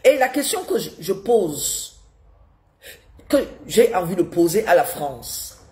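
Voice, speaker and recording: Her fairly low voice is very animated yet slow, with a slightly mellow quality. She's a live streamer commenting on politics, ranting to viewers through a head cold, scolding and indignant as she repeats rhetorical questions.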